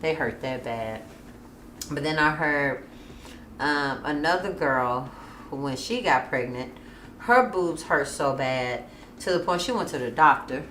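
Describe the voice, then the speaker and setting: Pregnant woman, 30s, podcast host, candid and chatty, lowish voice, echoey room. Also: takes it slowly, fairly bright tone, a little hiss or hum. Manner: frank and chatty, bursts into laughter. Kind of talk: candid casual chat.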